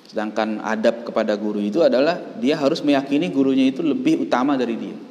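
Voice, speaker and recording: A middle-aged man with an Indonesian accent giving a religious study lecture, speaking in a gentle storytelling manner and often tagging his phrases with "ya". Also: medium pitch, fast. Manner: gentle storytelling, frequent "ya" tags. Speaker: religious teacher. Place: Islamic boarding school hall. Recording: long hall reverb.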